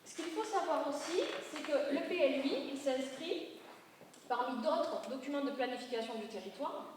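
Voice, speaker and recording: A woman with a high voice speaks at normal speed as an urban planning consultant giving a public presentation. She explains things step by step in a didactic manner, correcting herself along the way. The audience sits in a large, very echoey meeting room, recorded from a distant mic with faint noise.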